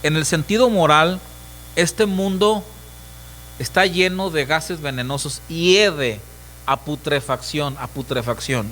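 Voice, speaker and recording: A middle-aged pastor with a Mexican Spanish accent preaches a sermon emphatically, questioning his congregation and acting out voices. His voice is slightly high and fairly bright, and the poor audio carries some hiss or hum.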